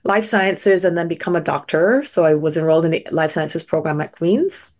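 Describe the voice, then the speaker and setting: A woman's voice: deep voice, moderate pace, darkish tone. A middle-aged woman from Barbados, a scientist guest telling her story in a thoughtful, earnest way. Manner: thoughtful, earnest, frequent small restarts. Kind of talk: reflective personal storytelling.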